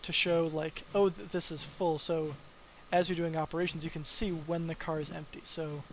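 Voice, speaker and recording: Casting: young male dev streamer, slightly high voice, loose and rambling, light hiss behind. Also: little pitch movement, moderate pace, low-quality recording. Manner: rambling, filler-heavy, tired. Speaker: mod developer streamer. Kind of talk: casual live stream chat.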